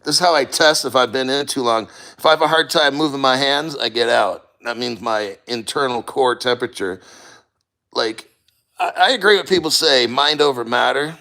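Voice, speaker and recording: Man, sharp bright delivery, immersed in ice cold water. Off-the-cuff vlog host, blunt and sweary. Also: medium pitch, normal speed. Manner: blunt, profane, rambling. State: sitting neck-deep in ice cold water. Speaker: crypto podcast host. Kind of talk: casual talk to camera.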